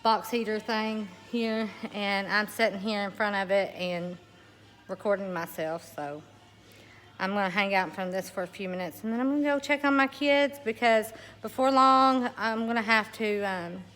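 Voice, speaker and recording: A woman's voice: mid-range voice, normal speed, a bit bright. A woman chatting casually in a rambling vlog, laughing often. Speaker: homesteading vlogger. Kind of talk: casual walk-and-talk vlog.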